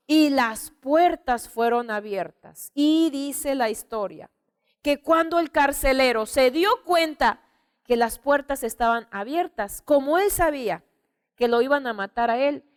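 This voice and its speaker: High-voiced woman pastor preaching. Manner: expressive preaching, retelling scripture with dramatic emphasis. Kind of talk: sermon. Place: church. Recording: long hall reverb.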